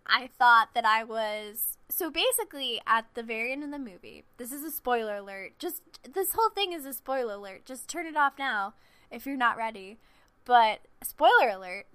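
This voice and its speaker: A woman co-hosting a podcast, chatting casually about a film. Her voice sits a little high and rings bright and sharp. She tells the story in a gushing, animated rush. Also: smooth. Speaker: podcast co-host. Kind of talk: casual film-discussion chat.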